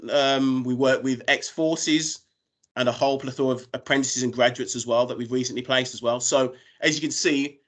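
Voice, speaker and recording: A man's voice: medium pitch, steady tone, moderate pace, a bit bright. A British man giving an informal business presentation as a recruiter on a video call. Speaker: recruiter presenting job opportunities.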